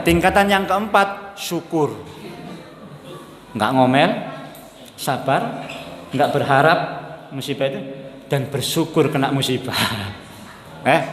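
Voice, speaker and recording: A man preaching at an evening mosque study session, talking casually and repeating key lines back to his listeners. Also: a little high. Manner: conversational, repeats key phrases, asks the audience questions. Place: mosque hall. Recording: echoey hall with faint hum.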